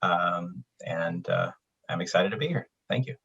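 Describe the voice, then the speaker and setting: A man's voice: sits low, measured pace, vocal fry, fairly bright tone, husky, highs cut off. A man, a rabbi and podcast co-host, introducing himself hesitantly with many ums and uhs. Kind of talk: casual podcast self-introduction.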